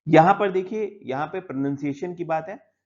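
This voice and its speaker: A man's voice: on the high side, moderate pace, darkish tone. A man teaching an English textbook lesson in Hindi with English words mixed in. He goes through it step by step and often says "theek hai". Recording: slightly dull lo-fi audio.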